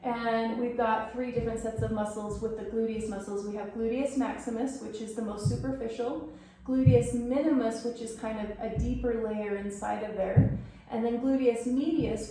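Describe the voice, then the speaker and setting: A woman's voice: fairly high pitch, steady tone, moderate pace, warm tone, slight background noise. A woman teaching dance, calling out movement terms and counts as she demonstrates. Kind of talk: instructional dance lesson. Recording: echoey room from far off.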